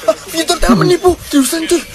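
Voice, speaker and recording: A man exclaiming in an excited reaction commentary, calling out to his viewers again and again. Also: very high-pitched, fast talker, loud music behind the voice. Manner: exclaiming, repeats "guys".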